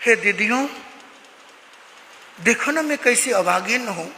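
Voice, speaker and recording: A man's voice: high voice, animated, measured pace, creaky, sharp tone, slight background noise, pitched below the performer's own voice, heavily acted. A man voicing a poor village mother who blames herself and laments over and over. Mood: lamenting. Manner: wailing lament, repeated self-reproach. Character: poor grieving village mother, ashamed and self-blaming. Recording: echoey hall reverb.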